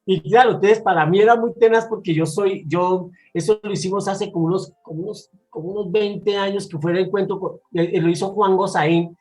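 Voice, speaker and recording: A man from Bogotá with a Colombian accent, a storyteller talking in an interview, animated and expressive, often restarting his sentences. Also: high voice, fairly quick, few pauses, faint music behind, low-quality recording. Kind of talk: casual interview talk.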